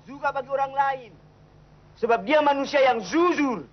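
An actor playing a principled, defiant, middle-aged town elder with theatrical emphasis in a 1970s comedy Western film. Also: male voice, very high-pitched, moderate pace. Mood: indignant, defiant. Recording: dull, noisy old film soundtrack.

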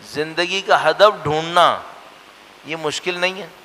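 A man giving a religious lecture, earnest, asking rhetorical questions and swinging between emphatic and hushed lines. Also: a little high, steady tone, unhurried, a little hiss or hum. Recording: long hall reverb.

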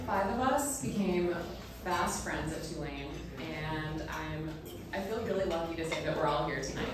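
A woman in her thirties gives a chatty, emotional bridesmaid toast, reading from her phone at a standing mic, her deep voice near tears amid many ums and bursts of laughter. The small indoor reception room sounds echoey and the crowd is noisy, captured by a camera filming from across the room.

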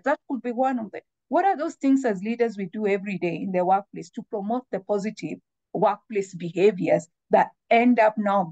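A woman's voice: medium pitch, a little mellow, no echo, highs cut off. Dry-sounding woman explaining. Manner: explains by asking rhetorical questions. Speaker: guest expert speaker. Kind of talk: explanatory webinar talk.

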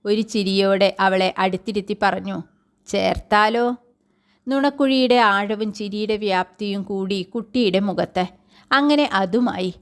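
A woman narrates a literary short story in the first person. Her reading is measured and steady, at an ordinary mid pitch. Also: clean tone. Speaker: story reader.

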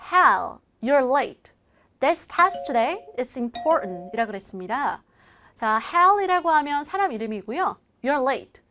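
Teaching English online, this woman has viewers echo her words while she carefully slows each phrase to demonstrate it. Her pitch sits high, and there's a faint hiss or hum in the background.

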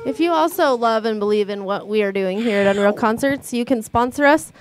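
Woman co-host, high-pitched, chatty and upbeat, faint hiss behind. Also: a little fast. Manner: upbeat, chatty, swears casually. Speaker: co-host of a live concert show. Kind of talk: casual banter and host announcements.

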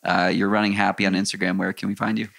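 A woman's voice: rumbling low, flat delivery, fast talker, creaky. A woman hosting a podcast, chatting casually and laughing often as she tells stories. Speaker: podcast host. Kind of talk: casual interview chat.

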